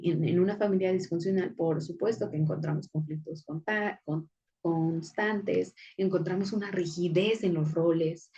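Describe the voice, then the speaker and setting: A woman's voice: fairly low pitch, mellow. A woman giving a psychology class lecture in a conversational way, with frequent fillers and restarts. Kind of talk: recorded class lecture with anecdotes. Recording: dull lo-fi recording.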